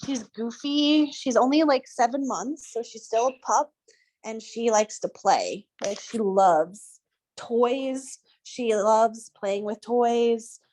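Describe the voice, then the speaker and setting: A woman's voice: a little high, slow, darkish tone. A young woman fostering a rescue dog, chatting casually and gushing, with many ums and likes, over a video call. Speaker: foster volunteer.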